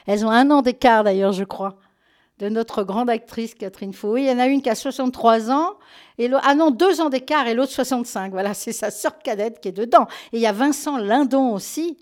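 Chatty higher-voiced woman host. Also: brisk, a little mellow. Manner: chatty, full of fillers and self-corrections; affectionate toward listeners. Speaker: host presenting film releases. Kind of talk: casual radio-style chat.

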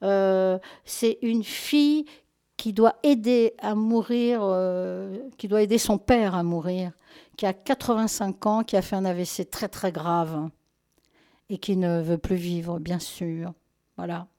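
Her voice is mid-range and dark, with fairly even intonation and a slow pace, as this woman hosts a casual radio-style talk about new films. Chatty and warm toward her listeners, she leans on fillers and often breaks off to correct herself.

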